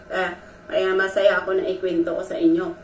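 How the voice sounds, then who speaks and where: A woman's voice: fairly low pitch, flat delivery, normal speed. A woman vlogger telling a personal story, earnest and emotional, talking straight to her viewers. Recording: echoey room from a distance with faint noise.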